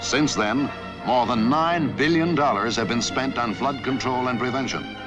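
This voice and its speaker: A man narrates a scripted historical newsreel documentary. His medium-pitched delivery is measured and authoritative, with music clearly playing behind him. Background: background music.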